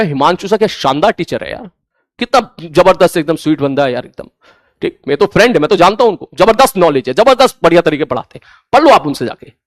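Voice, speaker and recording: Stern high-voiced man teacher. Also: no echo, studio quality. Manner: stern, blunt, repeats himself for emphasis. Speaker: online physics teacher. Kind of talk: scolding lecture to an online class.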